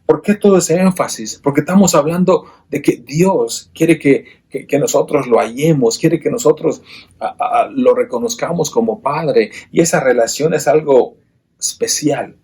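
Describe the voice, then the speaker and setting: Husky-voiced man teaching a church class. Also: on the high side, normal speed, a little mellow. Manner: earnest, asks listeners rhetorical questions; frequent restarts and repeated words.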